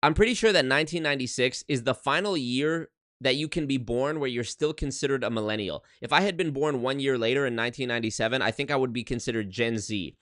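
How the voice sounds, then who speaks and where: With a quick pace and a medium-pitched, fairly bright voice, this YouTuber in his twenties chats casually on a livestream. He uses a desk microphone in his one-bedroom apartment, the sound clean and without echo, and he swears emphatically while often restarting sentences.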